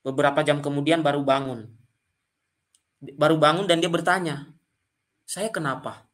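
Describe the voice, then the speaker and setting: A man with a bright, forceful voice, speaking as a channel commentator. He tells a personal story to his viewers, turning to address them directly again and again. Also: a little high. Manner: addresses listeners directly and often.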